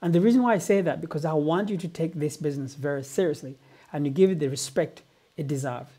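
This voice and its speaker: A man's voice: a little high, fast talker, dark tone. Earnest man from Uganda coaching business. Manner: earnest storytelling, repeats words. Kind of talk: motivational talk.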